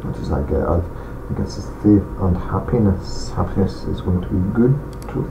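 Deep-voiced and speaking at a normal speed, a gaming channel host narrates his strategy game moves in a laid-back let's play, musing aloud and mumbling asides. He has a regional accent that he says some may not follow. A dull lo-fi home mic picks him up with loud hiss.

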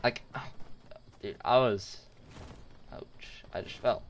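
A man's voice: mid-range voice, fairly even intonation, takes it slowly, a little hiss or hum. A young man chatting casually while gaming, rambling and thinking aloud. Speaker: gamer.

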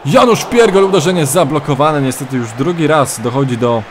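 A man commentating his own football video game like a sports announcer, calm between plays and shouting wildly at goals. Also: fairly high pitch, brisk, noisy background. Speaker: gaming YouTuber. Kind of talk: let's-play commentary.

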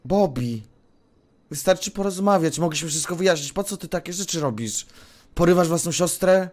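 A man's voice: fairly high pitch, animated, normal speed, close to an everyday voice. A man voicing an anxious male gang boss with amnesia, worried and pleading in an online game role-play. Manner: nervous, then outraged.

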